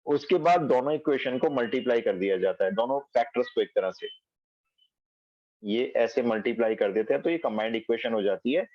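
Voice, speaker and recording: A man's voice: mid-range voice, a little fast, dry recording, lo-fi sound. A man teaching a math class online from home, explaining step by step and checking that students follow.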